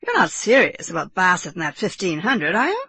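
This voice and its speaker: A woman's voice: on the low side, wildly swooping pitch, brisk, pushed and bright, slightly rough, heavily acted. A woman voicing a jovial, exclamatory English uncle who is amused and teasing, in a storybook reading. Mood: hearty, brisk.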